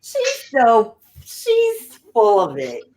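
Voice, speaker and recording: A woman's voice: a little high, huge pitch swings, drawn-out words, a little mellow. A woman hosting a casual commentary chat, blunt and scornful about the person discussed. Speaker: channel host.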